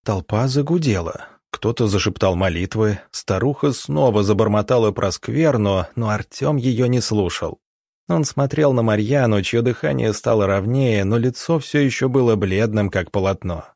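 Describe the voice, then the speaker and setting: A male audiobook narrator with a lowish voice, reading in a steady, even way. The recording is dry and close, with no room sound. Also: normal speed, no room sound. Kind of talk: scripted narration.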